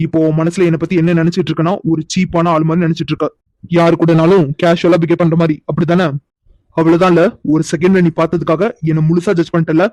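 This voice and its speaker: A man plays a young cartoon boyfriend who pleads and then turns wounded and bitter. His voice is fairly high but held flat and even, and he talks quickly. The recording is close and dry. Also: no echo, close to an everyday voice. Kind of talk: cartoon voice acting.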